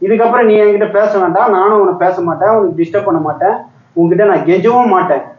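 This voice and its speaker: A man's voice: sits high, fast, echoey room, phone-quality sound, natural voice. A man playing a young man who defends himself and pleads with his angry girlfriend in a comedy skit. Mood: pleading defensive. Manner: pleading, defensive, repeats questions. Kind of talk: comedy skit phone argument.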